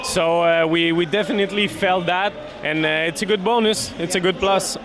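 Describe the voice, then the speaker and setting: A man's voice: high voice, steady tone, moderate pace, crowd noise. A man with a Québécois French accent, a native French speaker, talking casually and confidently in English as a fighter in a post-fight interview. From Quebec, Canada. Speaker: MMA fighter being interviewed. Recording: clear urban ambient noise behind.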